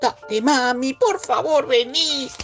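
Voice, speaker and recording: A woman's voice: takes it slowly, fairly bright tone, soft background music, heavily acted. A woman voicing a pleading, mischievous little girl with a Rioplatense accent, whiny and insistent. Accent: Rioplatense Spanish. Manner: whiny, insistent, high-pitched.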